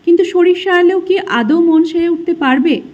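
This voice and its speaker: A high-pitched woman narrates a heartbreaking first-person story in a soft, emotional, scripted way. Her colors the telling. The recording sounds slightly dull and muffled. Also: moderate pace.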